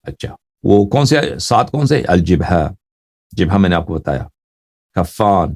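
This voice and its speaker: A man with a deep, low voice teaching a religious text. He reads a line of Arabic, then explains it slowly and patiently, pointing to parts of his body and asking his listeners whether they follow. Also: big pitch swings, darkish tone.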